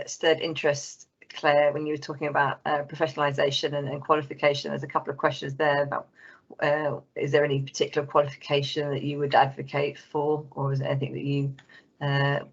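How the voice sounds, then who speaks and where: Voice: mid-range voice, fairly bright tone. A host moderating questions at an online event, with a friendly, filler-heavy delivery. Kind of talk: moderating a webinar. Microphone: video call. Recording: dull lo-fi call audio.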